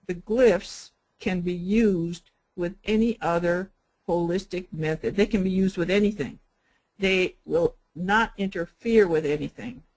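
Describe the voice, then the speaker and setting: An older woman teaching a spiritual healing workshop in a gentle, unhurried way, repeating and spelling out her points. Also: lowish voice, rough recording.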